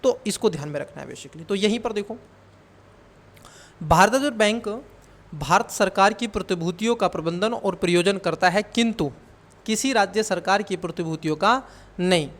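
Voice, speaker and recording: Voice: medium pitch, normal speed. Teacher fondly coaching exam students. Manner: fatherly, calls students child, asks and answers own questions. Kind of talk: explaining exam questions.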